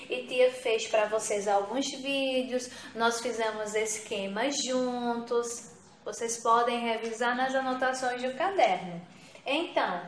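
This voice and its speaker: A woman teacher with a fairly high voice talks slowly and patiently, repeating points for young pupils. Her voice rings in an echoey room, with a faint hum of ambience behind her. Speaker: primary school teacher. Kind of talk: recorded remote grammar lesson.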